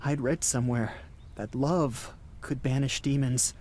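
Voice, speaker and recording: An actor playing a haunted, frightened male traveller, telling his ordeal in an intense, halting radio play style with repeated words. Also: mid-range voice, fairly even intonation, darkish tone, close to an everyday voice. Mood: haunted, tense. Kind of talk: dramatic first-person radio play narration. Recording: music under the voice. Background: dramatic music.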